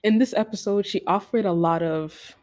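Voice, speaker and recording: Young woman, 20s, podcast co-host; easygoing chat, mid pitch, laughs a lot. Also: a little mellow. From United States. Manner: chatty, laughs often, drawn-out phrasing. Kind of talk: casual chat.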